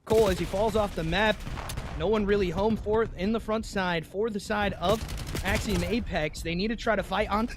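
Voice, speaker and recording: A man's voice: high-pitched, steady tone, normal speed, noisy background. A young man casting an esports match play-by-play, chatting to his stream viewers and apologizing for a bout of hiccups. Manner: hiccuping, apologetic asides to chat. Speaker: esports caster. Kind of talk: play-by-play commentary.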